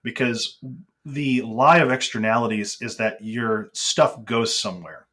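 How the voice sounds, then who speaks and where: Man, mid-pitched, earnest and reflective, podcast conversation. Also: pushed and bright.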